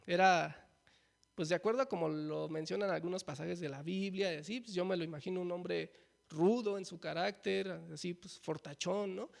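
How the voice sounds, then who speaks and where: High gravelly-voiced man preaching. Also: normal speed. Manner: folksy, asks the congregation questions, frequent "¿no?". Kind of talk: conversational sermon. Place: church.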